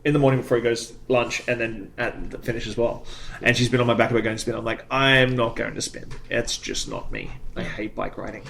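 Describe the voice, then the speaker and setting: A man's voice: mid-range voice, lively intonation, brisk, gravelly, fairly bright tone, a little hiss or hum. A man in his thirties hosting a casual podcast, rambling chattily and laughing often. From not from Canada. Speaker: podcast host. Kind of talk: casual chat.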